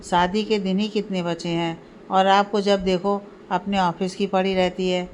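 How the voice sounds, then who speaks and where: A woman's voice: mid-range voice, little pitch movement, unhurried, a little mellow, a little hiss or hum, close to an everyday voice. A woman doing a teasing younger sister in a storybook.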